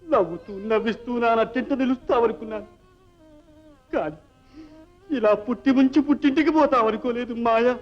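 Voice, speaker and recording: A man's voice: very high voice, fairly quick, pauses often, lo-fi sound, soft background music. An actor playing a harried sage and father of many, scolding his children in exasperation, theatrical, on an old film soundtrack. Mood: pleading. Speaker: sage burdened with wife and children. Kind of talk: 1960s Telugu film acting.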